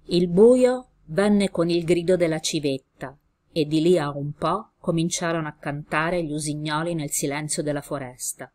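Low-voiced woman reading a story aloud. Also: a little mellow. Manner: measured, with small slips and self-corrections. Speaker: reader.

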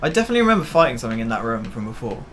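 A man's voice: medium pitch, sing-song, very fast, fairly bright tone, slight background noise. A man co-hosting a let's play, teasing his partner and repeating running jokes. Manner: joking, teasing, repeats gags. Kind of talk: casual gaming commentary.

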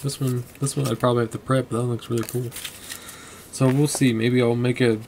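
A man's voice: medium pitch, flat delivery, fairly quick, a little mellow, a little hiss or hum, rough recording. A man casually narrating while he sorts through a box of collectibles at his desk, chatty and muttering as he goes. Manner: chatty, muttering names as he flips through cards. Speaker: card collector vlogger. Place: desk at home, indoors.

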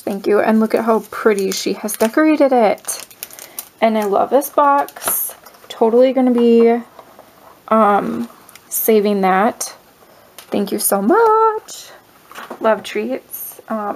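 A woman unboxing crafty mail in a casual vlog, gasping and gushing with delight, sometimes dropping into soft breathy asides. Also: mid-range voice, a little hiss or hum, low-quality recording. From United States. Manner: gushing, gasping, lots of "oh my gosh"; slow, drawn-out speech with soft breathy asides.

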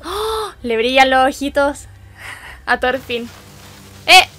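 A young Chilean woman reacts out loud in a high, bright voice, full of exclamations and soft sympathetic asides to her viewers. She takes her time between remarks, unhurried. Faint show audio plays underneath. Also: animated, soft background music. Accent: Chilean Spanish. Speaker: anime reaction host. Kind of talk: casual reaction commentary.

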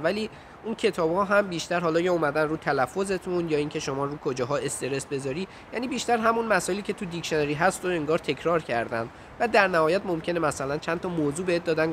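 A man's voice: fairly high pitch, fairly bright tone, a little hiss or hum. Man giving casual advice outdoors. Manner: informal, direct, addresses viewer as you. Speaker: YouTuber giving study advice.

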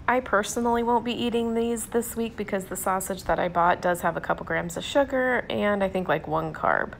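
A woman's voice: medium pitch, creaky, slight background noise. A woman with a Southern US accent, a cooking vlogger, giving a chatty, upbeat voice-over and talking straight to her viewers. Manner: chatty, upbeat, addresses viewers as "you guys". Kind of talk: casual voice-over narration.

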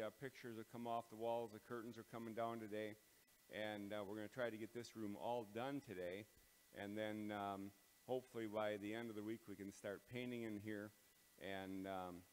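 A man leading morning devotions as pastor, speaking in a plain, halting way with many ums and uhs, his voice ringing with big hall echo in a large empty auditorium. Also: lowish voice, slight background noise. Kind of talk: casual devotional talk and prayer. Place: large empty auditorium under renovation, bare floors.

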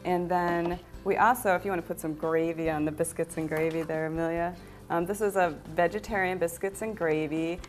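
A woman's voice: lowish voice, fairly even intonation, brisk, faint music behind. A middle-aged woman, a restaurant owner, explaining a menu on a TV cooking segment with a hesitant, earnest manner. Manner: hesitant, lots of ums, earnest. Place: indoor TV studio kitchen set.

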